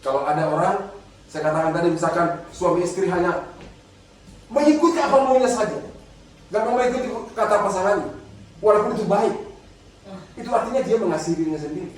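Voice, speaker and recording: A man's voice: high-pitched, fairly quick, pauses often, slight background noise. A man with an Indonesian accent preaching a sermon as pastor, joking and acting out little dialogues. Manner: humorous, acts out little dialogues. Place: church hall. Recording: very echoey church hall, distant mic.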